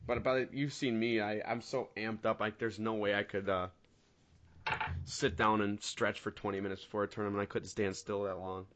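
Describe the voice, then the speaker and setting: Noisy surroundings frame this man's low-leaning voice, moving at a moderate pace. A mid-twenties podcast co-host, he rambles through animated stories and laughs in a casual chat recorded on dull lo-fi audio.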